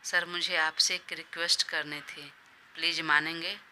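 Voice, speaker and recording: A woman's voice: sits low, level tone, moderate pace, sharp tone, a little hiss or hum. A woman voicing a scheming young employee who pleads and coaxes her boss. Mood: coaxing. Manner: pleading, coaxing.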